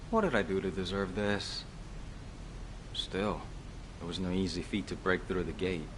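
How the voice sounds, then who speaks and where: A man voicing a long-suffering, wryly complaining military medical officer in a video game. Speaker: game character, military doctor. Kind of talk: voiced game dialogue. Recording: noisy, low rumble behind voice.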